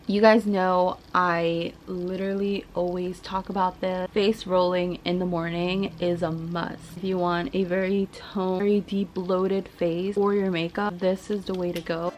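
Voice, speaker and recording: A woman chatting casually and informally to her viewers in a girly way, as a beauty vlogger giving a makeup tutorial. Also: lowish voice. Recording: clear background noise of rain. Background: rain.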